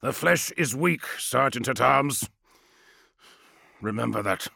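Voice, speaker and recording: A man's voice: mid-range voice, lively intonation, takes it slowly, gravelly, bright, forceful tone, dry recording, studio quality, voice pushed up, heavily acted. A man voicing a cold, ruthless male warship commander who gives clipped, icy orders.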